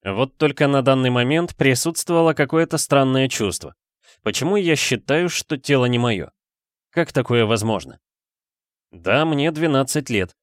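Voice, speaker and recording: A man narrates a first-person adventure in a steady storytelling voice of middling pitch. The recording is close and completely dry, with no room sound. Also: moderate pace, no room sound. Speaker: audiobook narrator.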